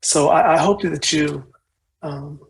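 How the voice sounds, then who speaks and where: Earnest man with a gravelly voice. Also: a little high, slow, poor audio. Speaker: conference presenter. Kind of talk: reflective presentation.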